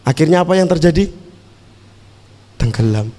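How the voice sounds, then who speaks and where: A man's voice: animated, moderate pace, dark tone. A man preaching at a youth service, reading scripture aloud and explaining it conversationally, acting out the quoted lines. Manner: acts out the quoted lines of the story with raised pitch. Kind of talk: sermon. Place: church hall. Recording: long hall reverb.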